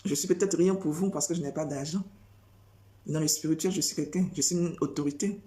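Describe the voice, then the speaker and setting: A woman's voice: low voice, fairly quick, mellow. A woman preacher delivering a sermon, insistent, repeating phrases and firing rhetorical questions at her listeners.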